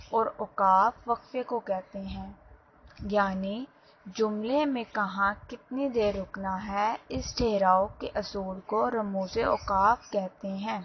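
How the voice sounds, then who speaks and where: Woman teaching a lesson, lo-fi. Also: medium pitch. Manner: slow, explanatory, addresses students directly. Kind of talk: classroom lesson. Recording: dull lo-fi sound, faint background noise.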